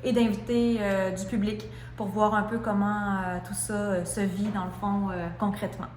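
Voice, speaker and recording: A woman's voice: medium pitch, flat delivery, normal speed, echoey room, loud music behind the voice. A woman, a theatre artist describing her project in an interview, speaking hesitantly with many fillers. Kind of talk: interview testimonial.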